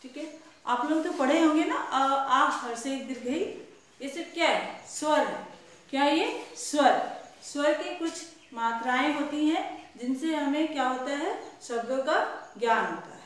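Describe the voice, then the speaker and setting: A woman's voice: high voice, unhurried, very echoey. A woman teaching young children, asking each question and then answering it herself. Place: classroom.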